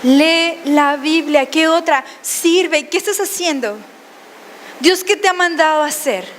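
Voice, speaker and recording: A woman preaching a sermon, animated and often questioning the congregation. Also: very high-pitched, a little slow, in a large hall, slight background noise.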